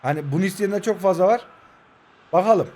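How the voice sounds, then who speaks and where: Fairly quick and high-pitched, a Turkish gamer in his 20s gives excitable play-by-play of a mobile football match. He's fired up, spurring his team on while trash-talking his opponent.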